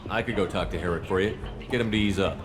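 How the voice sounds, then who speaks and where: An actor playing a steady, authoritative military commander in a video game, firm, direct and businesslike. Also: male voice, deep voice, fast talker, close to an everyday voice. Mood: calm, helpful. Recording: noisy game ambience.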